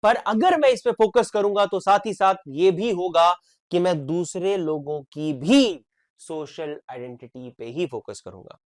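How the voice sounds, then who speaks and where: A young man from India who teaches an online exam-prep lecture, talking with lively emphasis and mixing in English. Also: sits high, unhurried. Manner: animated, emphatic, switches between Hindi and English.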